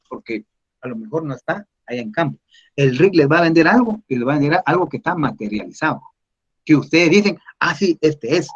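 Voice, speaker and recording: A man teaching surveying in an online class, explaining slowly and patiently over a video call. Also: fairly high pitch, breathy edge, muffled recording. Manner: slow, explanatory, addresses listeners as "mis estimados". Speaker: surveying instructor answering questions.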